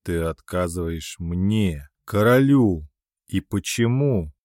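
A man voicing an angry, domineering dragon king who growls in a slow, hoarse way in an audiobook. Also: sits low, expressive, a little mellow, no room sound, clean studio sound. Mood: furious. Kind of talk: audiobook character voice.

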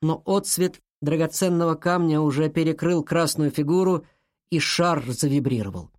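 An audiobook narrator reading a children's fantasy story in a calm, even manner. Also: medium pitch, moderate pace, no room sound, studio quality.

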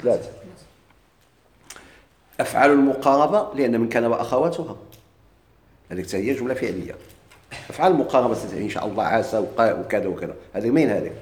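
In an echoey classroom, a man with a Moroccan Arabic accent lectures on Arabic grammar, posing questions and answering them himself while drawing out his examples slowly. His voice sits at a medium pitch with lively intonation.

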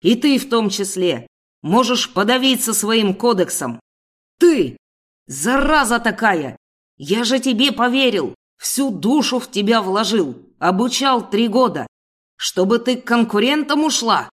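A woman's voice: a little high, animated, a little slow. A woman voicing a furious bellowing male boss. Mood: raging. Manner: shouting, snarling, hurling insults. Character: furious middle-aged male boss, bullying and crude.

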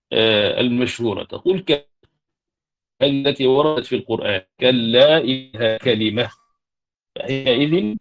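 Man, grammar teacher, classroom lecture, measured and explanatory, hesitant fillers, chants recited verses, middle pitch, dull lo-fi recording. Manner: recites quoted verses in a slower, chanting cadence.

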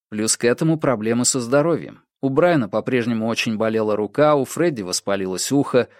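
A male audiobook narrator reads a chapter in a measured, even storytelling manner. His voice sits in the mid-range, and the studio recording is clean with no echo.

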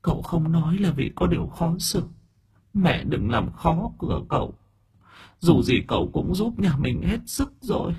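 A man voicing the ghost of a young daughter, speaking softly and mournfully in an audiobook. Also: fairly high pitch, expressive, husky, pitched above the performer's own voice, full character voice. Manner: soft, mournful, slow.

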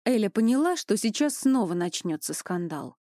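A woman's voice: medium pitch, very animated, normal speed, dark tone, dry recording. Woman narrating an audiobook, dry close sound. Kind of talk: scripted narration.

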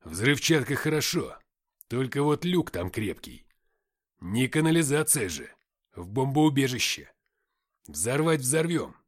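A man voicing a gruff male squad commander who barks orders. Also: medium pitch, big pitch swings, unhurried, pitched above the performer's own voice. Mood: commanding.

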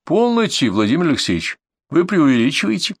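A man voicing a cool-headed police detective who reasons calmly and without hurry. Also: fairly high pitch, husky, no room sound, clean studio sound, pitched above the performer's own voice, full character voice. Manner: composed, unhurried reasoning.

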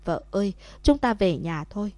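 A woman voicing a remorseful young husband who begs his wife loudly in a storybook. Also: mid-range voice, lively intonation, moderate pace, dry recording, lightly acted. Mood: coaxing. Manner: loud begging calls.

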